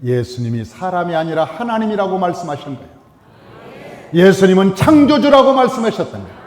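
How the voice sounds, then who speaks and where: A man preaching a sermon as pastor, emphatic, repeating his phrases and swinging between loud and soft. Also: high voice, big pitch swings, a little fast, a little hiss or hum. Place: church sanctuary. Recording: reverberant church hall.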